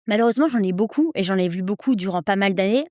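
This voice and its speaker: A woman in her thirties, an English coach, speaking persuasively as a podcast guest, with energetic quick bursts. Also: mid-range voice, no echo, clean studio sound. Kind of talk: podcast interview.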